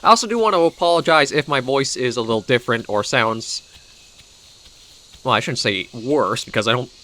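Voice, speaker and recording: Speaking a little fast at a medium pitch, this Canadian-accented gaming host sounds pushed and bright. Fighting off an oncoming cold, he offers loose, wandering commentary on the game as his thoughts come.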